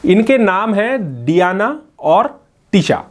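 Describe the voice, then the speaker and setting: High-voiced, amazed male news reporter. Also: animated, slow. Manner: marvelling, enthusiastic, quizzing children. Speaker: news reporter interviewing a family. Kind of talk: local news interview.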